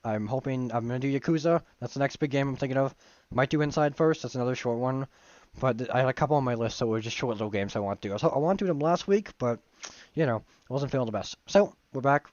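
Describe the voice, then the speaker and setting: A man's voice: mid-range voice, quick pace, few pauses, darkish tone, no echo. A male streamer with a strained, tired voice, chatting loosely and swearing freely while signing off. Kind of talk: casual game stream chat. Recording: dull dry stream audio.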